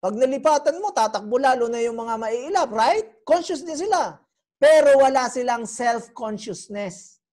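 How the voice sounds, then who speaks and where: A woman preaching a sermon. She is animated and teasing, and keeps quizzing the congregation. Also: high-pitched, normal speed. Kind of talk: sermon teaching.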